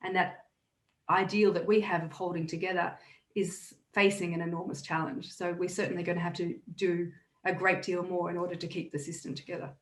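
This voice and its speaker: A woman answering audience questions as an expert at an online talk, measured and analytical, often restarting her sentences. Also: fairly low pitch, little pitch movement, reverberant. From Australia. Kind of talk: webinar Q&A answer.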